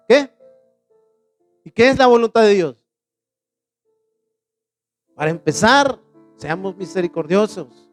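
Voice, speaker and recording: In church, a male pastor preaches a sermon in a high voice, asking the congregation questions and answering them himself, and reading scripture slowly with emphasis.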